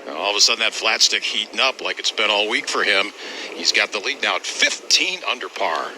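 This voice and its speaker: A man with a low voice gives live golf commentary in short, measured calls. Clear outdoor background noise runs behind him. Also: expressive, pushed and bright, rough recording. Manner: measured, clipped present-tense calls.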